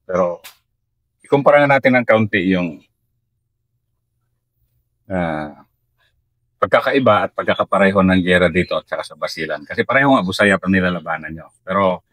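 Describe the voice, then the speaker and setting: Brief: deep-ish male interviewer from mindanao, easygoing prompts, dry sound. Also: lively intonation, normal speed, long pauses, fairly bright tone, no room sound. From Mindanao, Philippines. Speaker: retired army colonel and interviewer. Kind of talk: casual interview.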